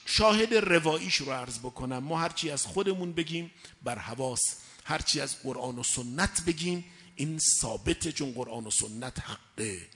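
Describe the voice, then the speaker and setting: Male preacher, forceful and bright, deliberate sermon cadence with loud peaks, reverberant hall sound. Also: medium pitch. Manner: emphatic, slow measured delivery with sudden loud rises.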